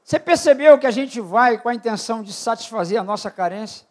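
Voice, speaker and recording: This older man's church-retreat sermon is expressive and brisk, full of questions for the congregation and calls for amens. He moves back and forth between loud shouting peaks and quiet, low asides.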